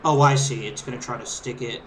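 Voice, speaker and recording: A man's voice: mid-range voice, steady tone, a little fast, slight background noise, low-quality recording. A man giving casual, conversational, easygoing commentary as he hosts a let's play of a game. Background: video game crowd ambience and background music.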